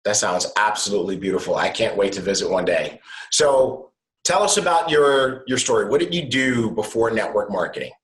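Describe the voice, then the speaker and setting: A man's voice: lowish voice, animated, normal speed, fairly bright tone. A man hosting an online interview show, enthusiastic and upbeat, talking over a video call. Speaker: show host. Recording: echoey room.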